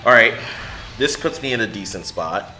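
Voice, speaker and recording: Playing a mobile game, this man chats with his viewers and himself, mumbling along and suddenly getting loud when a big hit lands. He runs a gaming channel, and his lowish voice has lively intonation at a moderate pace. Soft music plays in the background.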